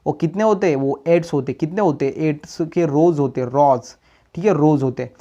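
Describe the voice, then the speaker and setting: Mellow-voiced male biology tutor. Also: on the high side. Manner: repeats questions and answers them himself, mixing Hindi with English terms; reads English notes slowly, then explains quickly. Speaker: biology teacher. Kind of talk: classroom lecture. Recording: dull lo-fi recording.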